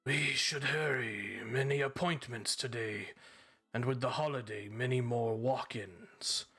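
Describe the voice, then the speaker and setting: A man's voice: mid-range voice, measured pace, pushed and bright, husky, soft background music, exaggerated voice. A man voicing an impatient serpent companion in a tabletop game, urging in clipped phrases with a hissing snake voice.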